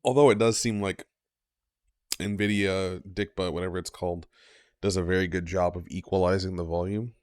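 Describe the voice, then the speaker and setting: A man's voice: deep voice, steady tone, moderate pace, darkish tone, no echo. A man streaming a game, chatting casually and profanely with his viewers into a mic just below his mouth. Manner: rambling and profane, talks to his chat. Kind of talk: casual live-stream chat. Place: home streaming setup.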